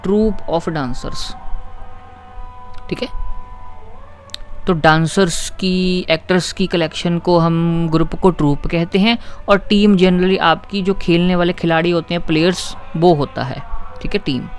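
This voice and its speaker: A man teaching English grammar, patiently explaining exercises, asking questions and reading example sentences slowly. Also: high voice, steady tone, soft background music. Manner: patient, asks questions and keeps checking with "ठीक है?".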